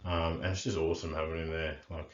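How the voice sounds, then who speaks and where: A man co-hosting a casual rugby chat, relaxed and rambling with many fillers. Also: very deep voice, quick pace. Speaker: rugby coach and podcast co-host. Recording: echoey room, dull lo-fi sound.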